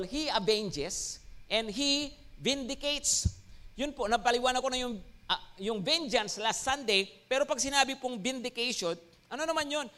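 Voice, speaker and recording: A Filipino man preaching from the pulpit in a fairly high voice. He swings between Tagalog and English, pushing key words up and out with bursts of emphasis. He keeps checking in with his listeners as he goes. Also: pushed and bright. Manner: mixes Tagalog and English, frequent "no?" and "Amen?" check-ins. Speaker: pastor. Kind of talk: sermon.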